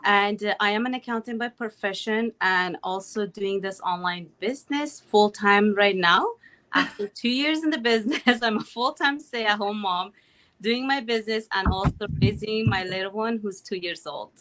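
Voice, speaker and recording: On a low-quality recording, a woman in her thirties from Afghanistan talks at normal speed in a mid-range, somewhat bright voice. She's an accountant who runs an online business, joining a casual video-call interview from home in Calgary and speaking earnestly with frequent "you know"s and "right"s.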